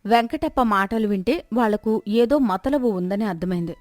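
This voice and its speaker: A woman narrating a moral story in a steady storytelling manner, recorded dry. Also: mid-range voice, moderate pace, no echo, faint music behind.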